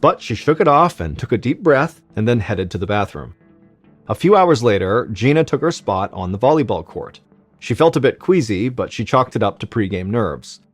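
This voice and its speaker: A man telling a true medical mystery in scripted narration, measured and suspenseful, dropping quieter at the tense moments. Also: fairly low pitch, very animated, faint music behind. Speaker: storyteller.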